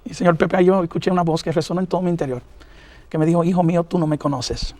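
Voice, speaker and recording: Fast, halting preacher man telling his testimony. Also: on the high side, steady tone, darkish tone. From New York, of Puerto Rican parents. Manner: earnest, halting, many fillers. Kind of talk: personal testimony in an interview.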